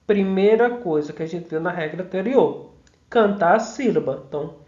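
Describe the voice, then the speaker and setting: A man's voice: sits high, moderate pace, darkish tone. Man teaching in a roomy, dull recording. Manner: explains step by step, frequent tag questions; counts syllables aloud and taps out rhythm. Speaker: course instructor. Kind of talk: online mini-course lecture.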